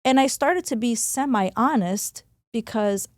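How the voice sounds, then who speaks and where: A woman from New York, a podcast guest talking quickly and candidly, full of "like" and "you know", acting out remembered lines. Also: fairly high pitch, no room sound. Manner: rapid, full of "like" and "you know", re-enacts quotes. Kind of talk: candid conversational interview.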